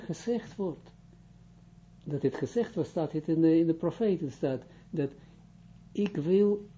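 Man, middle-aged, religious teacher, very slow pace, halting restarts, dull lo-fi recording. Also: sits high, dark tone, slight background noise. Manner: slow, halting, many restarts while translating and explaining. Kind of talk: religious study lesson.

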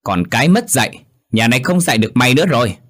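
A man's voice: mid-range voice, very animated, quick pace, a bit bright, husky, pitched above the performer's own voice. A man voicing a stern, contemptuous old father-in-law who speaks coldly and curtly. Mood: scornful. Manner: cold, scornful, clipped.

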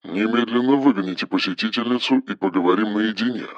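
A man reading an audiobook, voicing a cold, commanding engineer who gives flat, toneless orders over the phone in a metallic voice. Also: lowish voice, quick pace, no echo, muffled recording, voice pushed down. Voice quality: metallic timbre.

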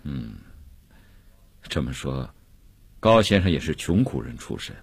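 An actor playing a calm, unbending male revolutionary prisoner from Yiyang, in a measured, dignified radio drama voice. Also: a bass voice, vocal fry, breathy edge, no echo, full character voice. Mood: calm, earnest. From Yiyang, China.

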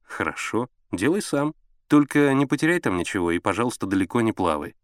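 A calm, patient mother speaks in a plain, matter-of-fact way, as a man reading a storybook puts her on. Her pitch moves about freely. The sound is close and dry. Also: fairly quick, no room sound.

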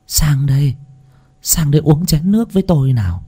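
A man voicing a frail, half-deaf very old woman who speaks softly and hesitantly. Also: fairly high pitch, lively intonation, normal speed, husky, pitched above the performer's own voice. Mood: frail confused. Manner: soft, hushed, hesitant.

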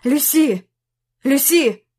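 A woman voicing an anguished shouting husband. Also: a little high, unhurried. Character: grief-stricken furious young husband. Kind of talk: audiobook character reading.

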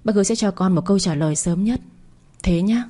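A woman voicing a composed middle-aged mother in a storybook reading, soothing and measured in manner. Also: mid-range voice, mellow, lightly acted.

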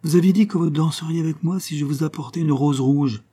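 A man's voice: fairly high pitch, fairly quick, warm tone, voice pushed up, close to an everyday voice. A man reading the lines of an earnest young male student in a storybook.

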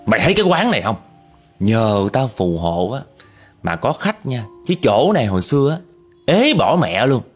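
A man's voice: mid-range voice, big pitch swings, moderate pace, breathy edge, soft background music. A man voicing a boastful old male house ghost, talking in a taunting, gloating way.

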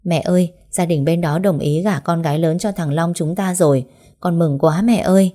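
A wealthy, doting mother pressing her son to get up, as a woman storyteller puts her on. Her voice is low, dark and mellow. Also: normal speed, lightly acted. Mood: pleased. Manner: pleading, urgent.

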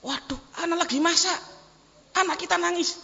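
A male preacher, giving an animated sermon and acting out the people in his stories. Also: very high voice, a little fast, vocal fry. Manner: animated, acts out dialogue in shifting voices. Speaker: ustadz preacher. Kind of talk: sermon with storytelling. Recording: muffled, echoey hall recording.

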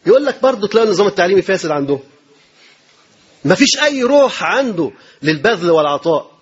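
An Egyptian man delivers a sermon at a quick clip, his voice high and husky. He drives his points home with rhetorical questions and repetition. The recording is dull and lo-fi. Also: very animated. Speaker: sheikh giving a religious lecture. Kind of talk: colloquial sermon.

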